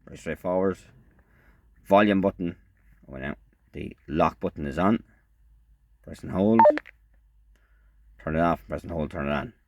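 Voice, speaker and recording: A deep-voiced man gives an unscripted, casual product demonstration as a reviewer, speaking in a halting, matter-of-fact way. The recording is very noisy.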